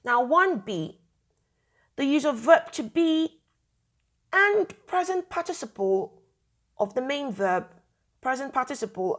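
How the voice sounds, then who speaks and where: A woman teacher giving a recorded grammar lesson, patiently repeating key points with many fillers. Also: a little high.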